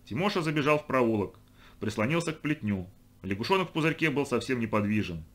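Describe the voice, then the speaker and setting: A man reading a storybook aloud as narrator, expressive, lifting his voice for the children's lines. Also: mid-range voice, fast talker. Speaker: audiobook reader. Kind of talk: scripted narration.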